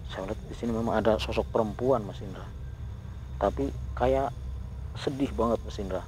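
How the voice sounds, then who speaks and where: A lowish male voice speaks in a hushed, half-whispered tone, often murmuring short prayers between his sentences. He talks to a companion while walking outdoors at night near a ravine. Faint insect noise hums behind him. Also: normal speed. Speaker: ghost-hunting vlogger. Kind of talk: hushed on-the-spot narration.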